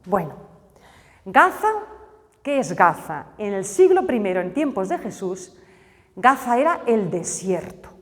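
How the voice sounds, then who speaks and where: A woman's voice: medium pitch, sing-song, a little slow, pauses often, in a large hall. A woman teaching a Bible lesson, telling the story expressively and acting out the characters' lines.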